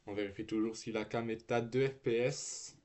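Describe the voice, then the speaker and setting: A teenage boy live-streams from home, chatting loosely with slang and swearing, full of restarts and trailing fillers. He speaks at a moderate pace in a medium-pitched, darkish voice with a steady tone.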